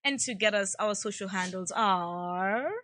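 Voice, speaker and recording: A woman's voice: medium pitch, unhurried, fairly bright tone. A young Kenyan woman co-hosting a radio show, playful and switching between English and Swahili. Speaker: radio co-host. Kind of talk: casual radio chat. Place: radio studio.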